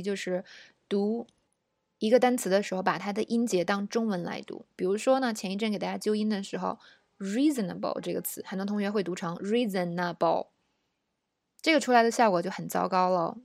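A woman from China teaching English pronunciation, explaining patiently and modeling words slowly. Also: mid-range voice, vocal fry, no echo, clean studio sound. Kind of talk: spoken language lesson.

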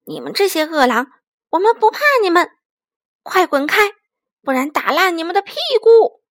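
A woman's voice: high-pitched, normal speed, a bit bright, dry recording, clean studio sound. A woman voicing a brave mother who scolds monsters fiercely.

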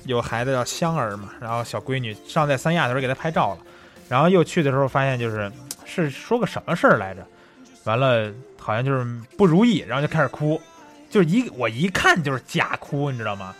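A man's voice: medium pitch, big pitch swings, fast talker, faint music behind. A man co-hosting a podcast in casual chat, laughing easily and prompting his partner. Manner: chatty, laughs easily, prompts the other host. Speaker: podcast co-host.

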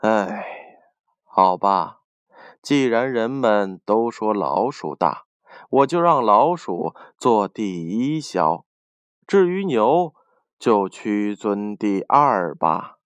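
A man's voice: on the low side, sing-song, slow, smooth, dry recording. A man voicing a weary old heavenly emperor, resigned and sighing.

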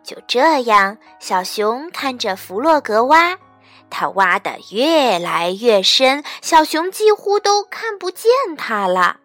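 Slow, bright-voiced woman storyteller. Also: on the high side, no room sound. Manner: gentle, expressive. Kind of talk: children's story reading. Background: faint background music.

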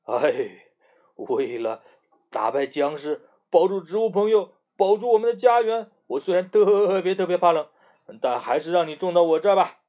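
A man's voice: high voice, moderate pace, lightly acted. A man voicing a timid melon plant in a children's story who trembles and pleads. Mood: resolute. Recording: muffled lo-fi recording.

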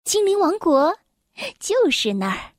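A woman reading a children's storybook aloud, slow and expressive. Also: extremely high pitch, no echo, studio quality.

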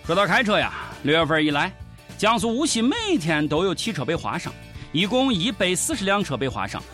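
A man's voice: high voice, sing-song, a little fast, bright, forceful tone, soft background music. A man with a Shaanxi accent giving comic news commentary in a mocking, colloquial, sarcastic way. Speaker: host of a satirical news show.

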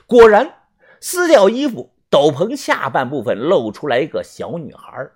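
Husky man telling a suspense story. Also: big pitch swings, a little slow, a little mellow. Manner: tense, suspenseful storytelling with strong pitch swings. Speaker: narrator. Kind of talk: audiobook narration.

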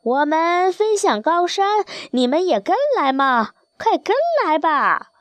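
A woman's voice: high voice, expressive, slow pace, dry recording, voice pushed up. A woman voicing a teasing flock of wild geese in a storybook reading, calling out in a sing-song, mocking way. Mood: coaxing.

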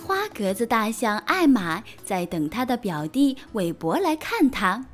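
A woman reading a children's story aloud as a storytelling mother, in a gentle, animated way. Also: on the high side, a little slow, music in the background.

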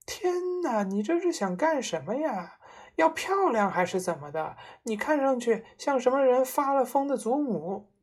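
A woman voicing a shrill, hysterical middle-aged housewife who shrieks and scolds. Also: sing-song, normal speed, a little mellow, slightly rough. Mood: scolding.

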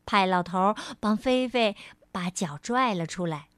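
A woman storyteller reading a children's storybook aloud in a gentle, expressive way. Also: mid-range voice, measured pace, no echo. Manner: gentle, expressive, lingering on phrases.

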